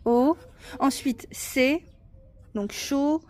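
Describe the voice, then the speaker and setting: High-voiced, patient, encouraging woman. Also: darkish tone, no echo. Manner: patient and encouraging, spells words slowly letter by letter. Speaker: parent guiding a child's treasure hunt. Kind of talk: casual family video chat. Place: outdoors in a garden.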